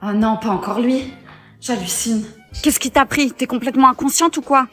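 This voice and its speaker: A woman's voice: fairly high pitch, moderate pace, fairly bright tone, husky, soft background music. A synthetic woman's voice playing an overprotective mother scolding her daughter in a comedy skit. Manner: scolding, indignant.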